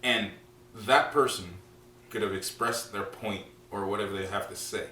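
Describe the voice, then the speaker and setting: A blunt, profane man co-hosting a casual podcast, his voice bright and forceful with a slightly low pitch. He is recorded a little way from the mic in an echoey room. A faint hum runs underneath. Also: moderate pace, distant mic. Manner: blunt, profane, heats up when ranting. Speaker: podcast co-host.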